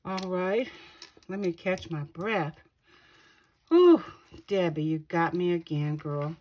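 A woman hosting a craft channel, slowly gushing over gifted trims and pausing to find words, with an occasional throat-clearing. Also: lowish voice. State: keeps clearing her throat. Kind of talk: casual show-and-tell unboxing.

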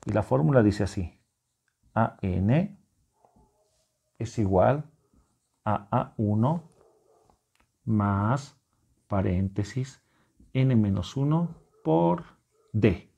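A male math teacher with a mellow, warm tone walks secondary students through a lesson at the board. He is patient and encouraging, breaking each step down and keeping the class with him through frequent check-in questions. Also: on the low side, expressive, extremely slow, vocal fry, long pauses, slightly rough. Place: classroom whiteboard.

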